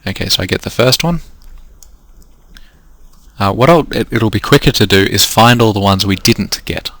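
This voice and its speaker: A trading coach with an Australian accent gives a screen-recorded lesson, working through the numbers one step at a time as his voice gives out. His voice is fairly low and a little bright, moving at a moderate pace, with no room sound on the recording.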